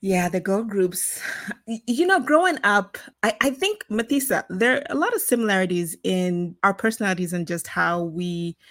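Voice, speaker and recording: A woman's voice: medium pitch, no echo, studio quality. A woman from Zimbabwe co-hosting a podcast, chatting casually and thoughtfully with some hesitant fillers. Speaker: podcast co-host.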